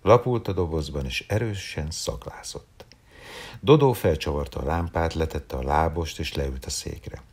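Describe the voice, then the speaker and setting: A man, an actor, reading a story aloud in a calm, expressive way, at times dropping to a whisper. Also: extremely low pitch, breathy edge. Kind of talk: storybook read-aloud narration.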